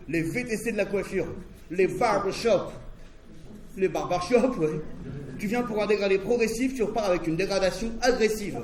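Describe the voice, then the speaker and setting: A man doing a stand-up comedy routine, telling stories built on puns in a conversational way. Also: high-pitched. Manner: wordplay-driven, conversational storytelling. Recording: roomy, distant, noisy stage recording.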